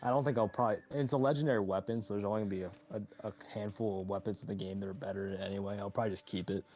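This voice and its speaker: A man's voice: on the low side, very fast. A young man casually talking through a co-op game, rambling with fillers. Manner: relaxed, rambling with fillers and hedges. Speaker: gamer co-op player. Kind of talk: casual gameplay chat.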